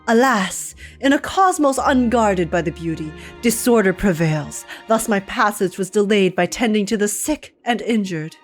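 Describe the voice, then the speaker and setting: A woman's voice: mid-range voice, close to an everyday voice. A woman voicing a gallant knight of beauty with flowery, theatrical, courtly delivery, reading game dialogue. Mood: grandly proclaiming. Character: gallant, florid male knight devoted to beauty.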